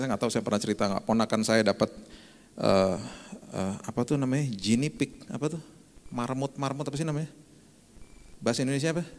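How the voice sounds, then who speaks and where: A man preaching in a church, casual, slangy and joking. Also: fairly high pitch. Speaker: pastor. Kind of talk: sermon. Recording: long church hall reverb.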